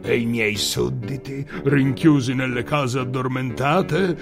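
A man voicing a capricious, hot-tempered sultan who booms with indignation, over background music. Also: slow pace, creaky. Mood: indignant. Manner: booming, indignant outbursts. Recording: music bed under narration.

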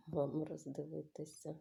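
A woman hosting her own channel, slowly reading out and musing over picture cards in a casual review, often dropping to a whisper. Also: low voice, vocal fry, mellow, a little hiss or hum. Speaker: tarot channel host. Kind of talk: casual card deck review.

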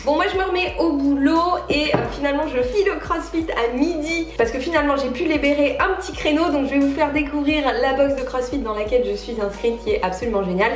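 A woman's voice: sits high, quick pace, few pauses. A woman in her thirties chatting casually to camera in a home vlog, laughing at her own flubbed intros and walking through a recipe. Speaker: vlogger. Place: small home kitchen and living room, indoors. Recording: roomy echo with light music behind.

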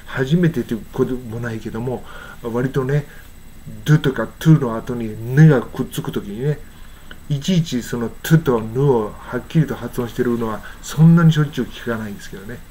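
An older man from Japan, teaching English pronunciation in a casual lesson, patiently repeating words slowly to show how they sound. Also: medium pitch, warm tone, a little hiss or hum.

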